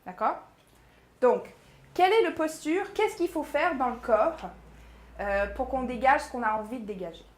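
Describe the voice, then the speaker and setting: A woman coaching a public speaking workshop, lively and chatty, demonstrating pace and pauses. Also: high-pitched. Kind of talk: workshop teaching. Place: agency workshop room. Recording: echoey room.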